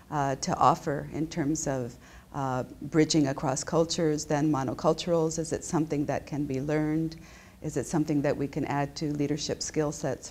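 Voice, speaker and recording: This Japan-raised woman in her fifties, a business school professor, has a low-sitting voice with a darkish tone. Speaking from an indoor office, she explains her interview answers, often restarting sentences and using fillers.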